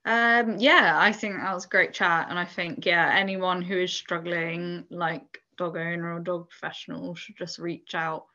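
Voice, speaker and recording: A woman co-hosting a casual chat, speaking in a relaxed, hesitant way with ums. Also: fairly low pitch, a little slow, few pauses, highs cut off. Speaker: podcast co-host.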